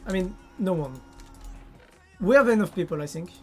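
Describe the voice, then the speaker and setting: French-accented woman streamer, lowish voice. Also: lively intonation, normal speed, soft background music. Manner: chatty, answers viewers' chat. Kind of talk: casual live-stream chat while gaming.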